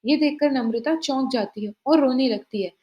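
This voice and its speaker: A woman's voice: sits high, moderate pace, mellow, dull audio. Woman narrating a family story.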